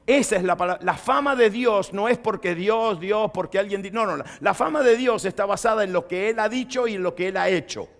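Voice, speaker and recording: A man preaching a sermon in a notably high voice. He asks his listeners questions in lively style, then reads scripture out in loud, forceful bursts. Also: brisk, hardly any pauses. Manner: lively preaching, rising to loud proclamation when reading scripture. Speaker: pastor.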